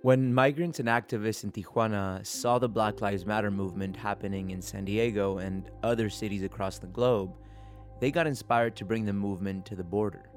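A man reporting and hosting, telling a documentary story in a steady, earnest way. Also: on the low side, moderate pace, soft background music. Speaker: podcast reporter and host. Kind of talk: documentary podcast narration.

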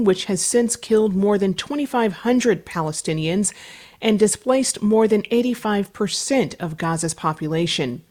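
A woman hosting a public radio interview show introduces a news story and her guest. Her delivery is measured and formal like a newsreader's, with a medium-pitched, slightly mellow voice.

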